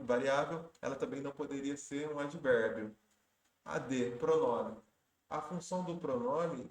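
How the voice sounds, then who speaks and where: A man teaching Portuguese grammar for exam prep. He works through each question step by step, patiently, and often stops to correct himself. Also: medium pitch. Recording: roomy echo.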